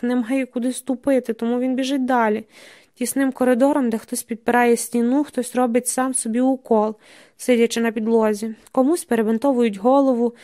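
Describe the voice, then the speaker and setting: A woman reading literary prose aloud, steady and measured with tense dramatic emphasis. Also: on the high side. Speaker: audiobook narrator. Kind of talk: scripted literary narration.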